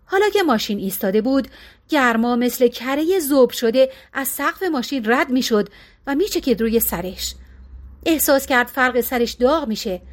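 Female audiobook narrator, high-pitched, steady measured read. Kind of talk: scripted narration.

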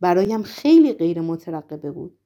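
A woman's voice: lowish voice, big pitch swings, warm tone, pitched below the performer's own voice. Woman reading a curious bold young heroine. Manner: inquisitive, wide-eyed.

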